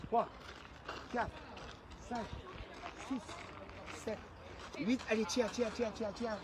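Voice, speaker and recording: Male coach counting reps, loud outdoor noise. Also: very high-pitched, fairly even intonation, slow. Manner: counting workout reps aloud, calling holds; encouraging, commanding short cues. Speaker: group fitness coach. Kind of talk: outdoor workout class instruction. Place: outdoors, open air.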